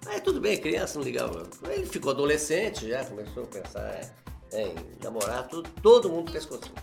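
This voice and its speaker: A man from Minas Gerais tells a joke with lively, sweeping pitch and a fast delivery. His voice sits a little high, and faint music plays behind him. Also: creaky. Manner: animated storyteller, many fillers like 'bicho'. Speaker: guest. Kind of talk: casual chat, joke telling.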